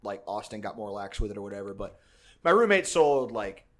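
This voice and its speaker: A man's voice: on the low side, big pitch swings, a little fast. A young man telling a story in a casual, profane, rambling way, full of fillers and restarts and laughing often.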